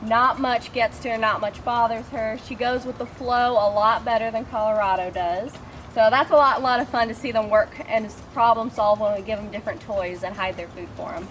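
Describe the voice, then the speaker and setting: Outdoors by an animal habitat, a zookeeper cheerfully and casually explains things to visitors, her pitch fairly high and fairly even, her pace fairly quick, her tone a bit bright. The rough recording carries faint music and clear outdoor ambience.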